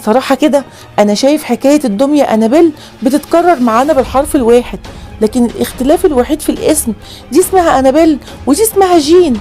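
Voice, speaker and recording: Casting: woman reading as a firm Egyptian dad, brisk and dark-toned. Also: high voice, soft background music, pitched above the performer's own voice, natural voice. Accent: Egyptian Arabic. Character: worried, stern middle-aged father, head of family.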